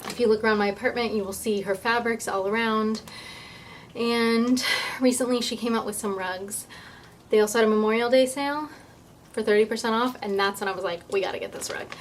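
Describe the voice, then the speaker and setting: A woman's voice: fairly high pitch, fairly even intonation, a little fast. A woman chatting casually and informally to her viewers as a vlogger, often thinking aloud, with some noise in the recording. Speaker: vlogger and real estate agent. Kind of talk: casual vlog chat.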